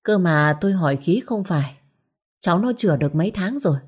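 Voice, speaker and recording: A woman's voice: fairly low pitch, expressive, a little fast, darkish tone, breathy edge. Woman doing a curt, domineering old patriarch. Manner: curt, mocking. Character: cold, domineering old father of a rich house.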